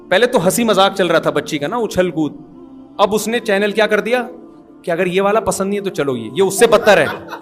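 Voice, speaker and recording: Middle-aged man, high pitched voice, amused chuckling storyteller, casual talk. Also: fairly bright tone. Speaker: father telling a family story. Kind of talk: humorous anecdotal talk.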